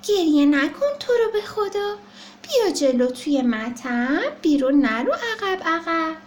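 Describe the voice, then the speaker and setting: A woman's voice: very high voice, sing-song, a little hiss or hum. Woman voicing a doting mother elephant. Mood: coaxing. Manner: coaxing, affectionate. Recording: roomy echo.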